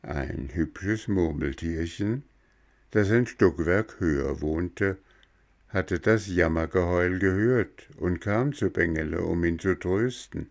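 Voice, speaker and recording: A man reading a children's story aloud in a measured, expressive way. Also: low voice.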